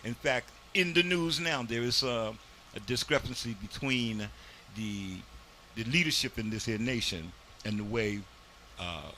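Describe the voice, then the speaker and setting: Unhurried yet rarely pausing, this community TV host speaks with a sharp mid-range voice, delivering emphatic, sermon-like commentary in a casual studio interview and saying "this here." The audio is poor, with a little hiss or hum.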